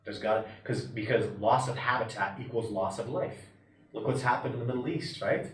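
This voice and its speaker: Brief: emphatic man, wilderness expert type, animated delivery, mic set back in an echoey room. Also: medium pitch, fairly quick. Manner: emphatic, animated, often voices what others might say. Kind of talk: passionate interview talk. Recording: roomy and distant from the mic.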